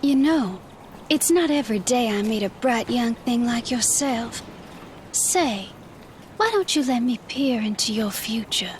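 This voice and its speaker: Coy mystical fortune teller lady for a game, high voice, unhurried. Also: expressive, a little hiss or hum. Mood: coy, inviting. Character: playful, mysterious all-seeing woman fortune teller. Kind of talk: video game character acting.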